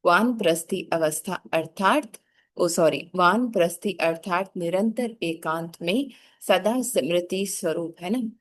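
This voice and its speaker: A middle-aged woman giving a gentle spiritual class, reading scripture and explaining it, often adding a soft questioning "hmm?". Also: on the low side. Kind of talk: meditative spiritual reading and commentary.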